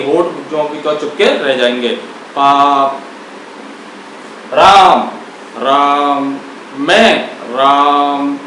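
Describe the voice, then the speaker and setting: A man teaching a grammar lesson, asking questions and answering them himself, repeating key words and sounding out syllables slowly. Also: high voice, fairly bright tone, heavy reverb, far from the mic, slight background noise, rough recording. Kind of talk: classroom lesson.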